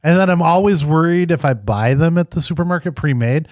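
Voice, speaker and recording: A man's voice: a little high, a little fast, a little mellow, no echo, studio quality. A man co-hosting a casual podcast, joking and teasing his co-host in easy banter. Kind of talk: casual chat.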